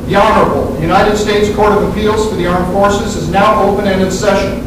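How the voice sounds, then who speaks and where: A man's voice: sits high, fairly even intonation, brisk. A man making a grand, formal ceremonial proclamation as a court crier, projecting his voice in a courtroom. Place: large indoor courtroom. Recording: roomy echoing courtroom, distant mic, heavy noise.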